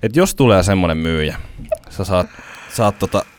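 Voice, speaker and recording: A man's voice: sits low, expressive, a little hiss or hum. A man guesting on a podcast, talking casually, rambling with fillers and cracking jokes. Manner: rambling, jokey, trails off with fillers.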